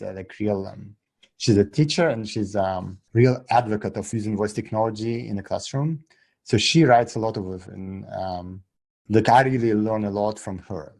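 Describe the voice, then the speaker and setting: A middle-aged man born in Russia and raised in Israel, a guest talking casually in halting English full of restarts. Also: on the low side, vocal fry, a little mellow. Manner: halting non-native English with many restarts. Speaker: podcast guest, app co-founder. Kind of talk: casual interview talk.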